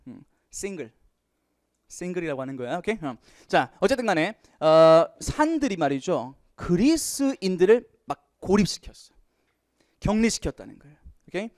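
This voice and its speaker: Man, high voice, dry close sound, lively exam prep lecture, quizzes the class and answers himself. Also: no echo. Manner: lively, asks questions and answers them himself. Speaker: English teacher.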